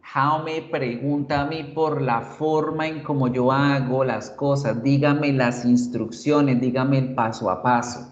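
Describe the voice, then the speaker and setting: A male teacher walks his students through a grammar point at an unhurried, deliberate pace. His voice rings in a roomy, echoing space. The recording sounds muffled and lo-fi. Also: mid-range voice, steady tone. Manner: slow, explanatory, addresses students as chicos. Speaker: English teacher. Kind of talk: online class explanation.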